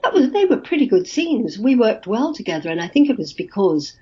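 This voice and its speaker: This older Australian woman, a guest actress in a casual interview, is chatty and quick to laugh while telling stories. Her voice is a little high and sing-song, brisk, dark-toned and slightly rough, heard through muffled video-call audio.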